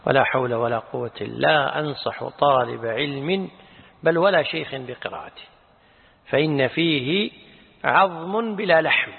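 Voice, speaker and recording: A man teaching as a sheikh, commenting on a reading and correcting pronunciation in an unhurried way, with frequent short affirmations. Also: a little high, vocal fry, husky. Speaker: sheikh teaching a tafsir class. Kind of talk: explaining and correcting a reader. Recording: tinny phone-like lecture recording with long hall reverb.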